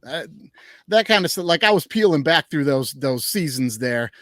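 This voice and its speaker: A male podcast host talks sports in a loose, chatty way, now and then dropping a mild curse. His voice sits a little high, and it comes across dry and close with no room sound. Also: animated, normal speed, a bit bright, no echo. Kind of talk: casual sports interview chat.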